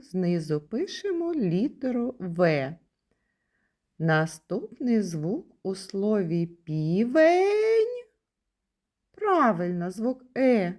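Slow, lively-voiced kindergarten teacher woman. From Ukraine. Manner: sing-song, stresses key words with rising pitch. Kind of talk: slow, patient lesson for young children.

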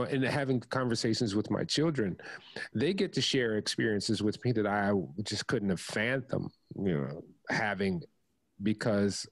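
A man's voice: lowish voice, no room sound. A man hosting an interview, asking long searching questions that ramble as he thinks aloud. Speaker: interview host. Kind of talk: interview conversation.

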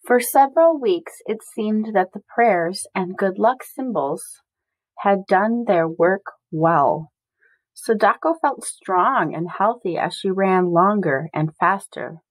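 A woman reading a chapter book aloud slowly and carefully for beginning readers. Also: medium pitch, animated, no echo, low-quality recording. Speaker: storybook reader.

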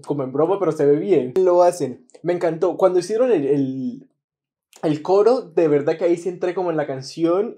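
A man's voice: on the high side, mellow. A man hosting a casual reaction video, enthusiastic and often repeating words as he searches for them.

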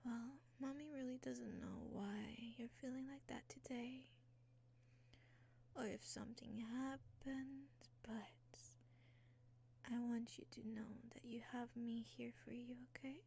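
A young woman doing an ASMR roleplay as a caring caretaker, whispering slowly and soothingly into a close mic, with frequent soft "mm-hmm" murmurs. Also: a little high, fairly even intonation, creaky, slightly rough. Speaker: ASMR creator. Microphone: close sensitive mic.

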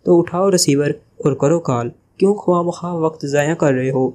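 A man with a slightly high, darkish, natural voice reads at normal speed, with a little hiss or hum in the background. He's playing a sharp, irritated young woman on a team, scolding her teammate in an exasperated way.

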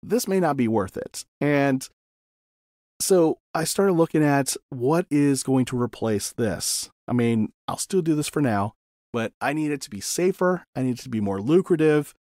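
A man of middle pitch hosts his own podcast and talks into a condenser mic. He tells a personal story in a loose, chatty way and keeps breaking off for side remarks. The sound is dry and close, with no room echo. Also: lively intonation, unhurried, darkish tone. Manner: rambling conversational storyteller with asides. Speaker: podcast host. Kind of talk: casual solo podcast storytelling. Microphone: condenser studio mic.

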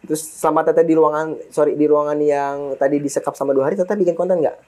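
A man's voice: a little high, little pitch movement, fast talker, mellow. A man interviewing a guest, asking short follow-up questions and giving frequent brief replies. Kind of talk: conversational interview.

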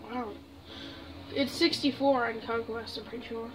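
A woman's voice: a little high, fairly even intonation, unhurried, recorded from a distance, low-quality recording. A woman hosting a gaming video, chatting casually over her gameplay and muttering asides to herself. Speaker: gaming channel host.

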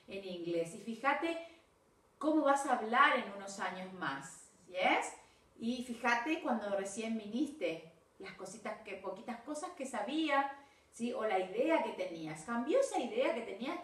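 Argentine lady teacher, slow and encouraging, bit far off the mic, mixing spanish and english. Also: on the high side, fairly bright tone, roomy sound. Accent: Rioplatense Spanish. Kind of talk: recorded video lesson for children.

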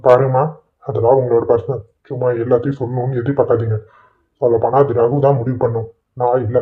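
A man voices an exasperated adult son in a Tamil cartoon, snapping back at his mother in a curt, irritated way. His medium-pitched voice is level and fast, only lightly acted. The audio is tinny and lo-fi, like a phone.

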